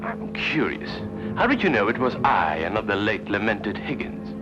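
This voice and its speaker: A sly polite curator-thief, lively voice, dull old tv audio with music. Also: male voice, fairly low pitch, normal speed. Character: smooth, scheming male museum curator and thief. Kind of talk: 1950s TV drama acting. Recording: dull 1950s TV soundtrack with music.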